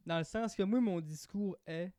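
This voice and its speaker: Animated Québécois man, high voice. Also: normal speed, no echo, studio quality. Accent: Québécois French. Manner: animated, swears casually, slips into mock accents. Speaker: podcast host. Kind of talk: casual podcast chat.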